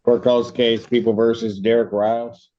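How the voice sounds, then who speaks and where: A man presiding as judge, giving brisk, matter-of-fact rulings, heard through a courtroom audio recording. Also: medium pitch, flat delivery, warm tone, dull audio. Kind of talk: presiding over court hearings.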